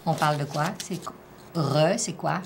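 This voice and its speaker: A woman teacher with a Québécois French accent, slowly and patiently prompting a child through a one-on-one reading assessment. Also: low-pitched, creaky. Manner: slow, patient, drawn-out word-by-word prompting. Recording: faint background noise.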